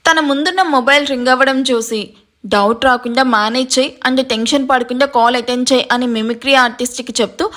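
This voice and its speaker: A woman narrating a romance story in a steady, expressive reading. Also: on the high side. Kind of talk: scripted narration.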